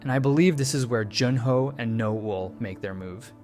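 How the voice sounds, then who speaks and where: Male host for a scripted breakdown read, measured and analytical, mid-pitched, soft music bed underneath. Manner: measured, analytical, posing questions. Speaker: channel host breaking down a trailer. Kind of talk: scripted video-essay narration.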